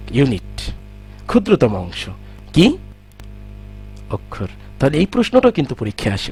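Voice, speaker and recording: A man with a husky, mid-range voice and a Bangladeshi Bengali accent teaches an exam-prep grammar lesson, posing questions and then answering them himself.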